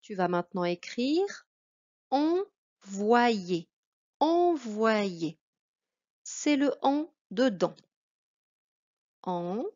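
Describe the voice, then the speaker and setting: Woman, French accent, teacher, very slow and careful, mid pitch, dull lo-fi sound. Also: lively intonation, warm tone. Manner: slow, careful, addressing a child. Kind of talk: reading lesson for children. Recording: dull lo-fi recording.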